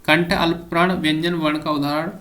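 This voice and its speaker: A man's voice: fairly high pitch, level tone, fairly quick, fairly bright tone. A male teacher giving an exam prep lesson, reading each question aloud and then giving the answer with a brief explanation.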